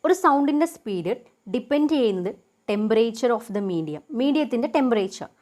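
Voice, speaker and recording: A young woman teaching a lesson. She poses questions and answers them herself, and reads English definitions out slowly. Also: on the high side, expressive, darkish tone. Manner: asks and answers her own questions. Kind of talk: lecture explaining a topic.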